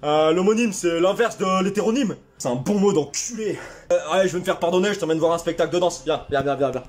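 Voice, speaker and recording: A man doing a crude comic sketch monologue, with mock-serious asides and sudden shouts. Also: high-pitched, fast talker. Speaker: comedian parodying a survival show.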